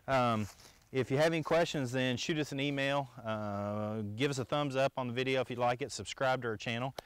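A man's voice: medium pitch, dry recording. A middle-aged man teaching outdoor skills in a plainspoken, casual way, often checking in with the viewer, recorded outdoors in the woods on a clip-on mic. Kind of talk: casual instructional demonstration.

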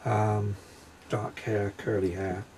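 A man working as a psychic medium, describing impressions in a halting, hesitant way inside a railway carriage during a paranormal investigation. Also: fairly low pitch, level tone, a little mellow, a little hiss or hum.

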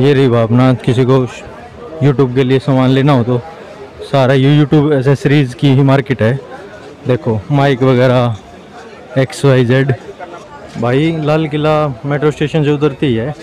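A man's voice: mid-range voice, a little mellow. A young man chatting to viewers while he walks through a busy outdoor market, camera at arm's length. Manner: chatty, addresses viewers as brother. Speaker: vlogger. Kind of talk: casual walking vlog. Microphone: camera held at arm's length. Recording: crowded street noise. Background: crowd chatter.

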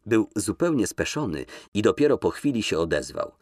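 A man narrating an audiobook in a measured, expressive reading voice, recorded in a studio. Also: lowish voice, no room sound.

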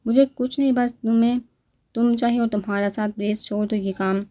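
Woman narrator as an imploring lovesick young man, mellow, lightly raised. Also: a little high, fairly even intonation, natural voice. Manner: earnest, imploring. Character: gentle devoted young man in love.

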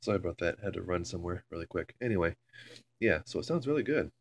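Loud music plays behind this amateur vlogger as he talks fast in a low, lively voice. Foul-mouthed and rambling, he chats casually into his handheld phone in a carpeted room, and the recording has a loud hum.

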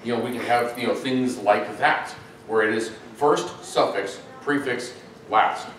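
Middle-aged man, conference speaker, casual and animated, heard from far back in a reverberant hall. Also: medium pitch, measured pace. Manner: animated, chatty, with frequent ums and uhs. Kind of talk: technical conference talk. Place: large echoey conference hall. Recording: echoey hall, distant mic, faint noise.

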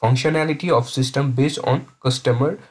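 A man lectures over slides. His voice is a little husky. He works through each point step by step, often restarting phrases and repeating words as he explains. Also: mid-range voice, fairly even intonation, a little fast, darkish tone.

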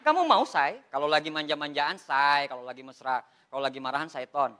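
A man with an Indonesian accent giving an animated, joking seminar talk to an audience, often calling listeners "Pak". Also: medium pitch, fast talker, clean tone. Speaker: motivational speaker at a business seminar.

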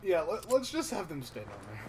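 An excitable man hosts a casual gaming session, his voice pitched high and leaping up and down as he swears his way through the action. Loud gunfire and game noise run under his headset mic. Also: brisk. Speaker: let's play host.

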